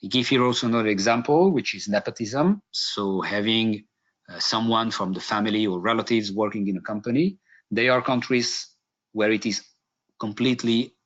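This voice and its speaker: A man from Hungary giving a business webinar presentation, halting, with many fillers and restarts. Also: lowish voice, fairly bright tone. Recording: dull lo-fi webinar audio.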